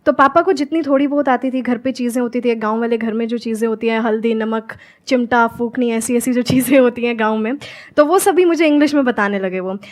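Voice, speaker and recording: A young woman from Haryana, India, answers interview questions on stage as a guest, speaking earnestly in a slightly high, slightly fast voice. She mixes Hindi with fluent English.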